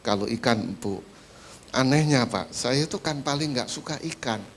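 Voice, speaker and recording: A man's voice: mid-range voice, moderate pace, slight background noise, lightly acted. Male preacher playing a wounded older wife in a sermon story, fed up, complaining steadily. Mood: hurt. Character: aggrieved elderly wife, hurt and fed up.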